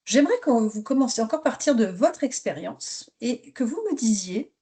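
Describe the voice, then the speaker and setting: A woman's voice: fairly high pitch, lively intonation, moderate pace, dark tone, slightly rough. A woman leading an interactive online workshop for teachers, encouraging participants to share, speaking over a video call. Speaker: teacher trainer leading a webinar.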